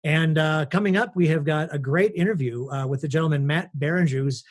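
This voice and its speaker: A man hosting a casual podcast, upbeat, talking in quick bursts with frequent "uh" and stumbles. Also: on the high side. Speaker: podcast host.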